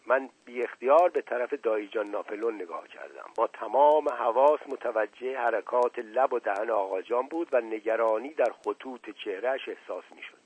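Husky male narrator on a tinny line. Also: mid-range voice, few pauses. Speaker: audiobook narrator. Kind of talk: scripted narration of a novel. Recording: husky voice over tinny phone-like band, dry.

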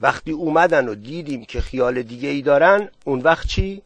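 Man reading as a worried villager, higher and louder voice, insistent, dry sound. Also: no echo. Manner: anxious, insistent questions.

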